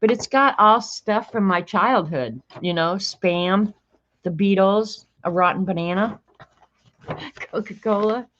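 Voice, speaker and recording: A woman in her sixties opens mail on her livestream, chatting casually, thinking out loud and laughing often. Her voice is medium-pitched and a little bright, and she takes her time. The lo-fi stream audio is slightly dull, with a touch of background noise.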